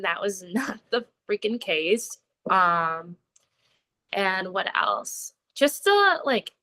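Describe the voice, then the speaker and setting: A young American woman, appearing as an interview guest, chats in a relaxed, rambling way, laughing as she talks and putting "like" into nearly every phrase. Her mid-range voice has a bright, crisp edge, and the low-quality audio sounds like a laptop on a video call.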